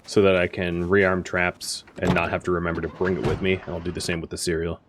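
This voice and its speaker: A man's voice: low voice, flat delivery, quick pace, background noise. A man giving casual, wry gameplay commentary as a streamer, thinking aloud with fillers. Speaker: gaming streamer.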